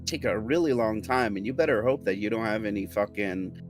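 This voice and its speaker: A man's voice: lowish voice, a little fast, soft background music. A man co-hosting a casual podcast, complaining loosely and swearing. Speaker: podcast co-host.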